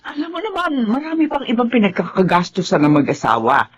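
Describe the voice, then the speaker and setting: A woman playing a gentle, pleading middle-aged mother in a drama, with a Filipino accent, in a muffled, noisy recording. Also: a little high, wildly swooping pitch, fast talker, husky, heavily acted. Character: gentle, pleading older mother of grown children.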